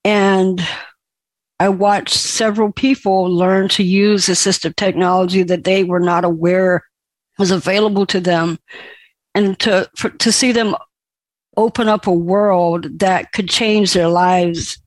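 A woman recounts her own life story in a slow, unhurried way, pausing often and stopping to restart her thoughts. Her voice sits at an ordinary middle pitch and carries emotion without turning theatrical. The recording is dry and close, with no room sound around her. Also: fairly even intonation, no echo. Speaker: speaker sharing a personal story. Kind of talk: personal testimony.

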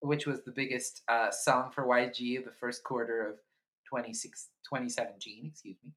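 A man's voice: medium pitch, level tone, moderate pace, fairly bright tone. A man co-hosting a podcast in casual chat, hesitant, with many fillers and self-corrections. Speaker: podcast co-host.

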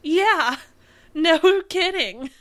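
A woman's voice: very high-pitched, animated, drawn-out words, sharp tone. A young adult woman co-hosting a podcast, chatting casually and laughing often between sentences. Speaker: podcast co-host. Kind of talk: casual chat.

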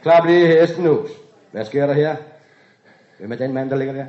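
A man's voice: medium pitch, a little mellow, natural voice. Casting: man doing a curt stern officer, echoey muffled room. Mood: demanding. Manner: curt, demanding. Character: stern male officer questioning a suspect. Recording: dull echoey room recording.

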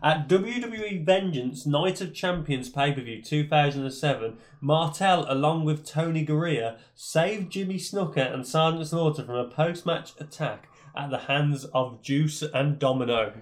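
A man's voice: on the high side, moderate pace, few pauses. A British man co-hosting a podcast, reading a wrestler's career from notes with many ums and restarts. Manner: reads out a bio with many ums. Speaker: podcast co-host. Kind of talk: casual chat.

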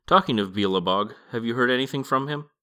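A man's voice: medium pitch, fast, pushed and bright, close to an everyday voice. A man reading a sly, unflappable old trickster. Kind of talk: podcast book reading.

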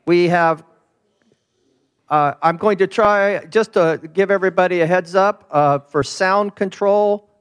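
A man's voice: sits high, a little slow, smooth. Slightly muffled man speaking through a mask. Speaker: meeting chair. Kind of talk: informal meeting chairing. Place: conference meeting room with sound system. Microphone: handheld microphone held close to mouth.

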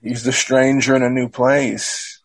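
A man's voice: mid-range voice, little pitch movement, unhurried. A man co-hosting a casual movie commentary podcast, laid back and describing what happens on screen. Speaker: podcast co-host.

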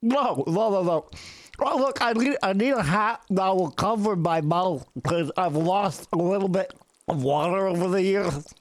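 A man's voice: fairly high pitch, normal speed, close to an everyday voice. A man playing a flustered, rambling character who talks with water held in his mouth. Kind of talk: comedic improv character.

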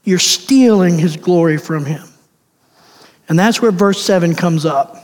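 A man preaching a sermon as pastor, emphatic, slowing down to stress key words. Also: high-pitched, a little mellow. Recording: long reverb of a large hall.

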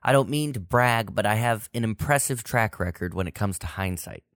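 A man's voice: fairly low pitch, animated, normal speed, fairly bright tone, no room sound, clean studio sound. A man playing a worried, deferential Secret Service agent in a satirical sketch, pleading formally and politely. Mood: respectful pleading. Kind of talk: scripted satirical sketch acting.

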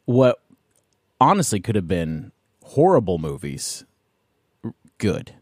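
A man's voice: on the low side, big pitch swings, takes it slowly, a little mellow, husky, dry recording, studio quality. A man, hosting a casual movie chat and rambling through his points with lots of fillers. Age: 30s. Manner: rambling, loose, many fillers. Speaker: podcast host.

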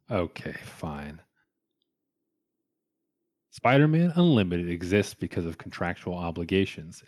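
A man with a very low, deep voice chats casually as a podcast co-host. He reads from his notes and breaks off into wry, offhand remarks. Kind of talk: casual chat, reading research notes.

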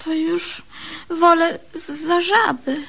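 Very high-pitched, fawning, gushing lady. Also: fairly even intonation, slow, fairly bright tone, exaggerated voice. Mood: eager, coaxing. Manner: breathy exclamations, sighing, coyly deferential. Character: fawning, gushing, romantic lady smitten with a gruff man. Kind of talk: comic radio play acting.

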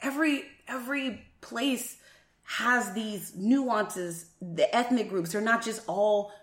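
A woman in casual discussion who acts out quotes with lively jumps in pitch. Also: slow. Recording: echoey room.

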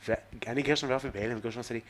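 Male podcast host, mid-pitched, tells wild stories with slang and energy, faint room hiss. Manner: animated storyteller, slangy, calls the listener bro. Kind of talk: casual chat, storytelling. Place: loft apartment, indoors.

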